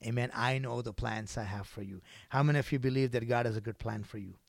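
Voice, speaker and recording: A man preaching a sermon in a church, swinging between loud exclamations and soft whispered passages. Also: medium pitch, fairly even intonation, quick pace, creaky, no echo. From Canada. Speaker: guest preacher.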